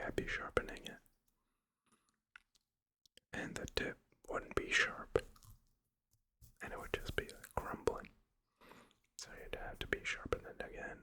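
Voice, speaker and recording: Someone whispering right up by your ear, slow n rambly asmr chat, crisp and breathy. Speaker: ASMR creator. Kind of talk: whispered ASMR ramble about drawing tools. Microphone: close ear-to-ear microphone.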